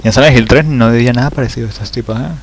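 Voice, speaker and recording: Guy doing a let's play of a horror game, yells and curses a lot, throws in english swears, faint hiss in the background. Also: medium pitch, rapid-fire. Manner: excitable, swears loudly at the game; drops English exclamations into his talk.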